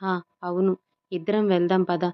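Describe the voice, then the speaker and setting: A woman's voice: lowish voice, flat delivery, moderate pace, clear, resonant tone, dull audio, close to an everyday voice. A woman narrator voicing a protective older brother, fond yet scolding. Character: protective older brother, caring but angry.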